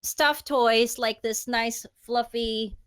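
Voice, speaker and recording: A woman's voice: fairly high pitch, steady tone, takes it slowly, a bit bright, clean tone. A woman co-hosting a podcast in casual chat, laughing often as she talks. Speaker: podcast co-host.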